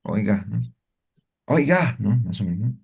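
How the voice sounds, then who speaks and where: Slow-talking man teaching a language class. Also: lowish voice, lively intonation, vocal fry, darkish tone, breathy edge. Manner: slow, asks students questions often, tag questions. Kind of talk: interactive class explanation.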